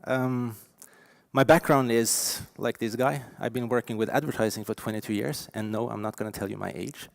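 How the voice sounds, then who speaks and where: A man in his forties from Norway with a Norwegian accent, giving a lively, emphatic conference keynote with frequent fillers. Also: medium pitch, normal speed, creaky, no room sound, studio quality. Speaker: keynote speaker. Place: conference stage.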